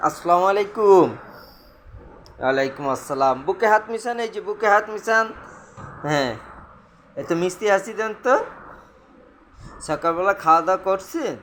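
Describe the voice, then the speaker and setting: A man's voice: high voice, expressive, moderate pace, long pauses, a bit bright, slight background noise. Man coaxing a toddler in sing-song. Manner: coaxing, sing-song baby talk with playful exclamations. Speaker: father filming his toddler. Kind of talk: talking to a toddler on camera. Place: at home indoors.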